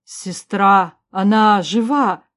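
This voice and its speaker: A woman reading an audiobook, voicing an older remorseful king father who mutters slowly and loudly. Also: medium pitch, natural voice. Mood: remorseful, muddled. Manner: slow, loud, mumbling.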